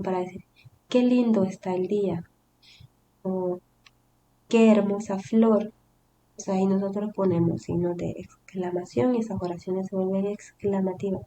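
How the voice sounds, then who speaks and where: A woman's voice: medium pitch, dark tone, slight background noise. A woman teacher giving a recorded language lesson, explaining step by step and restating terms in simpler words. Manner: reads example sentences with acted intonation.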